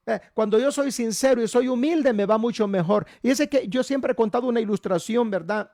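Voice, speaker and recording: A man's voice: very high voice, darkish tone, no room sound, studio quality. A man preaching a sermon as pastor, telling folksy stories and asking "¿verdad?" again and again.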